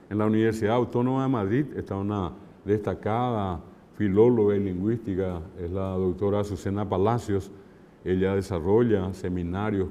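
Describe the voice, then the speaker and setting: A man with a low, mellow voice teaches an online class in an easy lecturing rhythm, pausing to list places and to ask his listeners if they follow. The audio is dull and lo-fi, with a faint hiss and a long reverb behind him. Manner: unhurried, lists places, mixes in Guaraní phrases, asks "¿verdad?". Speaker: Guaraní language teacher.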